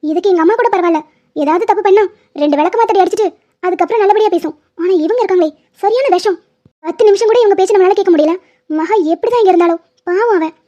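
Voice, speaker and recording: A woman voicing a sassy young female college student with a sarcastic, sharp-tongued manner. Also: extremely high pitch, quick pace, highs cut off. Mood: scornful.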